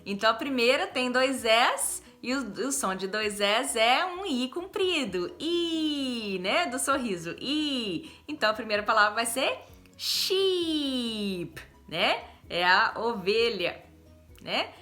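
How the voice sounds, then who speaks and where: Brazilian woman, English teacher, lively swooping pitch, slow careful delivery, exaggerated vowel demos, faint music behind. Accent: Brazilian Portuguese. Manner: exaggerated, drawn-out demonstration of vowel sounds. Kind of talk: pronunciation lesson.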